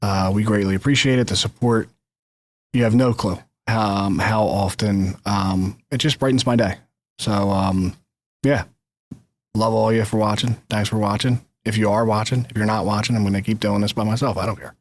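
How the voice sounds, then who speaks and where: Low-voiced man hosting a podcast. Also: normal speed. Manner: relaxed, filler-heavy, rambling. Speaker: podcast host. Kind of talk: casual interview.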